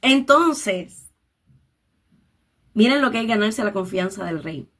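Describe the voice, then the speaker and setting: A woman's voice: medium pitch, fairly bright tone. A woman leading a Bible study, reading scripture aloud and explaining it in her own words, dropping in English interjections. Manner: reads scripture aloud and paraphrases it.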